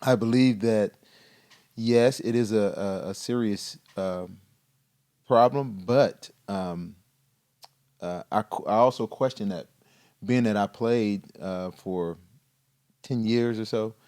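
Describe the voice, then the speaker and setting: A man who used to play football, talking in a casual podcast discussion, halting with many fillers and restarts. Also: lowish voice, warm tone, smooth. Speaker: guest, former football player.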